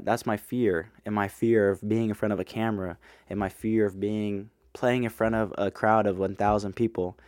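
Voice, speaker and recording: A man's voice: on the low side, a little mellow, dry recording, clean studio sound. Earnest young man hosting a podcast. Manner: earnest, repetitive, coaching tone with rhetorical questions. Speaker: podcast host. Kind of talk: solo podcast monologue. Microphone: close microphone.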